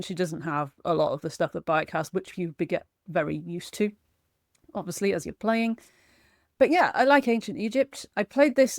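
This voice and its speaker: Chatty woman, low voice, dry. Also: vocal fry, a little mellow, no echo. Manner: chatty and self-deprecating, laughs often. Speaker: gaming vlogger and streamer. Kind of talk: casual chat reviewing games.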